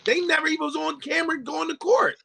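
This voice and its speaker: A man's voice: very high-pitched, quick pace, vocal fry. A man co-hosting a podcast, chatting casually and telling stories with lots of repeated phrases. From New Jersey. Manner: animated storytelling, repeats phrases. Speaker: podcast co-host. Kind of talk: casual chat.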